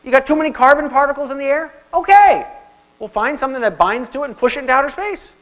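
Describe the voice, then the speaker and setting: A man's voice: a little high, brisk, natural voice, rough recording. A man voicing an overconfident male tech entrepreneur who brags that technology can fix anything. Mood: boastful. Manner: boastful, rising with excitement.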